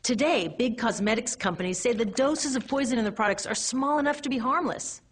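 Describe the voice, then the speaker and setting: A slightly high-voiced American woman delivers a scripted explainer briskly, with a little hiss or hum on the recording. As narrator and presenter, she sounds conversational and wry and poses many rhetorical questions.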